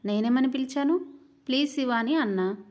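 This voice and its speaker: A woman's voice: high-pitched, moderate pace, a little mellow, lightly acted. A woman voicing a teasing young husband who talks in a cool, sarcastic way.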